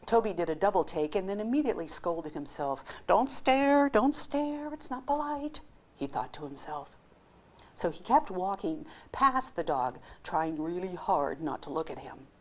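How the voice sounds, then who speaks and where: A woman who works in voice-over, narrating a story expressively and playfully, with lively asides. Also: fairly low pitch. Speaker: voice-over actor.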